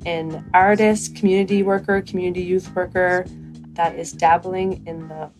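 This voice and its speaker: A thirty-year-old woman from Nova Scotia introduces herself plainly and with pride. Her voice is somewhat low. A soft guitar plays behind her. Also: fairly even intonation, moderate pace. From Nova Scotia, Canada. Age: 30s. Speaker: artist and community youth worker. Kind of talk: interview self-introduction.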